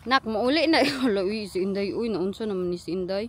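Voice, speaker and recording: A woman's voice: mid-range voice, a little fast, darkish tone. A pregnant woman with a Filipino accent chatting casually as a vlogger, mixing languages and laughing often. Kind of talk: casual vlog chat.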